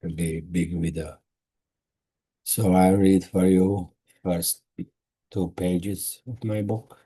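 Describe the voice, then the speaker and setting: Croatian-accented male author, non-native, reads own book slowly, low husky voice. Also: fairly even intonation, dark tone. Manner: slow careful non-native reading with restarts. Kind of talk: reading his own novel aloud.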